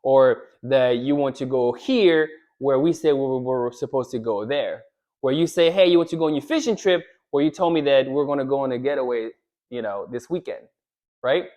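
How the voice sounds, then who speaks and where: A man giving relationship advice straight to the camera, animated, often checking in with "right?" and acting out what a wife might say. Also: medium pitch, normal speed. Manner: animated, repeats "right?", acts out quoted lines. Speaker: relationship coach. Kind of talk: direct-to-camera advice talk.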